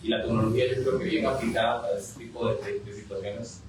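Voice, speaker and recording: A man from southern Costa Rica, with a Costa Rican accent, speaks as a panelist, hesitating often and repeating words. His voice is on the low side, steady, and fast. He's recorded from a distance in an echoey event room of a historic house, with a little hiss or hum.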